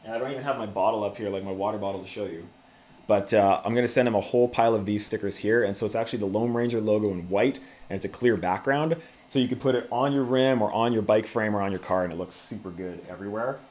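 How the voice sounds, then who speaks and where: A man's voice: lowish voice, fast talker, darkish tone. A man hosting a casual livestream, chatting to viewers in a laid-back, conversational way. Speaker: YouTube channel host.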